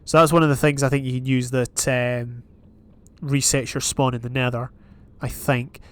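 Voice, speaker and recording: Casual Minecraft commentary comes from a young Scottish gaming YouTuber with a smooth, fairly bright voice of medium pitch, level in tone and normal in speed. He chats and thinks out loud about his game, reading out advancements along the way.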